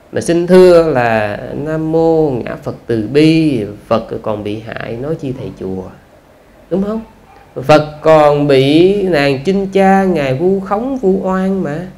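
A Buddhist monk with a Southern Vietnamese accent gives a conversational dharma talk, full of rhetorical questions and long, drawn-out "à" fillers. His voice is medium in pitch and a little mellow.

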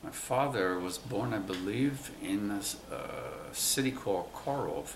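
A Cuban-born man in his nineties, a WWII navy veteran, slowly recalls his family's past for an oral history interview, halting and pausing often. His voice is on the low side, and the indoor museum room sounds roomy, with background noise.

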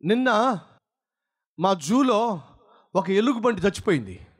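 A man's voice: high voice, very animated, unhurried, slightly rough, heavily acted. A man doing a matter-of-fact zoo manager. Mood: offering.

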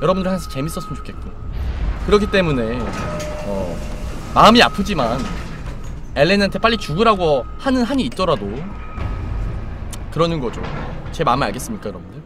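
A man's voice: a little high, big pitch swings, a little fast, long pauses, music in the background. A young man casually commenting on a game as a streamer, joking with his viewers in a playful, chatty way. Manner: playful, chatty, puts on silly voices.

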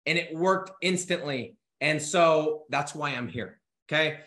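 Male, 30s, business coach, punchy motivational delivery, casual swearing; bright edge, roomy echo. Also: fairly high pitch, unhurried. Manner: energetic, urgent, swears casually; gestures a lot with his hands while talking. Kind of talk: motivational talk to camera. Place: home office with bookshelves.

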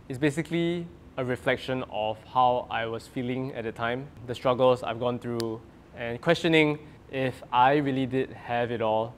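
A man's voice: medium pitch, slight background noise. A young adult man with a Singaporean accent and light Singlish touches, talking casually as a singer-songwriter in an interview.

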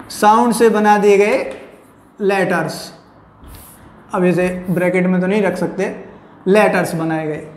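A man's voice: high voice, fairly bright tone. A male English teacher giving a classroom lecture, explaining step by step, asking and answering his own questions, and mixing English terms into his Hindi. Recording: echoey room.

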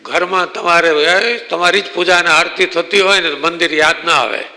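A man, a swami, telling a religious story in a sermon and acting out the quoted exchanges lively. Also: fairly high pitch, moderate pace, slight background noise. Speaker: swami giving a religious discourse. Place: temple hall. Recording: long reverb in a temple hall.

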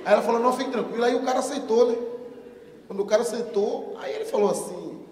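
A young male stand-up comedian from Bahia with a Bahian accent, telling a story on stage, profane and animated, acting out the dialogue. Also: very high voice, fast, background noise. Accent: Bahian Portuguese. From Bahia, Brazil. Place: comedy stage before a live audience. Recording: roomy hall, distant mic, loud crowd.

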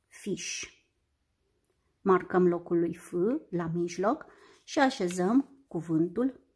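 Woman, teacher, husky voice, slow careful enunciation, phonics lesson for young kids. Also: fairly low pitch, darkish tone.

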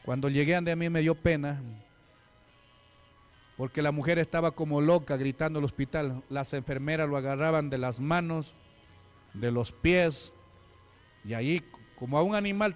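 Male preacher, fairly high voice, storytelling sermon, faint music underneath. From Peru. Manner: storytelling with acted quotes and questions to the congregation.

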